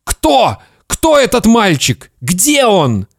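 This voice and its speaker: Guy reading doing a dad getting stressed, stern questions, slow and dry. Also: fairly high pitch, big pitch swings, dry recording, pitched above the performer's own voice. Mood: frantic. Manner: stern, interrogating, then pleading. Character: flustered, nervous father, growing frantic.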